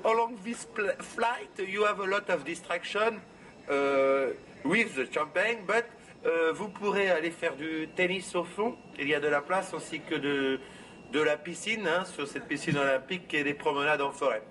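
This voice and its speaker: An actor playing a bumbling airline pilot who makes cockpit intercom announcements in a French accent, stumbling through broken English with many hesitations. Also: male voice, on the high side, moderate pace, a bit bright, a little hiss or hum. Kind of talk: comedy sketch. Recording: distant voice with faint ambience.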